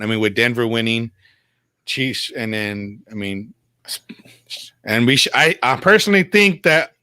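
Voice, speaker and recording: Casting: man, bright and forward tone, dry close sound, rambling opinionated sports talk. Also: on the high side, no echo. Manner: rambling, self-correcting, emphatic opinions. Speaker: sports talk show regular. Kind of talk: casual sports chat.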